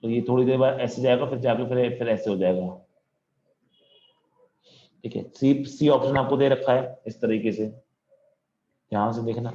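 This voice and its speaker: A man's voice: medium pitch, fairly even intonation, moderate pace, long pauses, mellow, roomy sound, lo-fi sound. Joking man teaching a physics class. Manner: joking, chatty, playful with students. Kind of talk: online class lecture. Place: at home.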